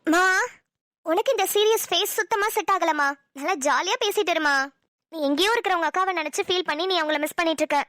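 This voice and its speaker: A woman's voice: very high voice, brisk, a bit bright, no room sound, clean studio sound. A woman voicing a cheerful, teasing college-age daughter in a cartoon, talking in a chirpy voice. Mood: coaxing. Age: young adult. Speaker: voice actor. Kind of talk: cartoon dialogue acting.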